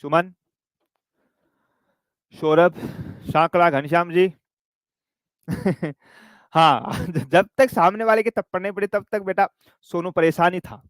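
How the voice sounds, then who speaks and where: High-voiced male coaching teacher. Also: fairly even intonation, no room sound. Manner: storytelling, calls students "dear children"; dictates notes slowly with repetition. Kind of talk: exam coaching lecture.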